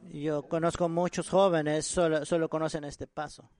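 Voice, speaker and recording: A man preaching a sermon on prayer, earnest and halting, often repeating and restarting words. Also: on the high side, flat delivery, darkish tone.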